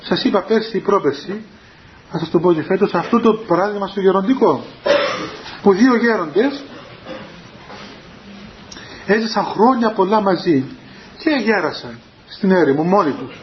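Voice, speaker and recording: A man's voice: high-pitched, lively intonation, long pauses. A man giving a storytelling homily as a monastic elder, anecdotal and chuckling, taped on an old cassette. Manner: anecdotal, chuckling, acts out quoted dialogue. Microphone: cassette recorder in the room. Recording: dull lo-fi 1990s cassette recording with faint hiss.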